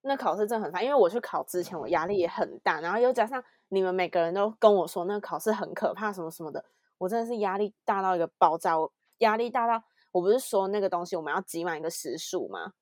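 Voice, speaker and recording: A woman chats quickly as a podcast co-host. Her reactions are brisk and lively. The recording is dry, with no room sound. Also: medium pitch, no echo. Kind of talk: casual chat.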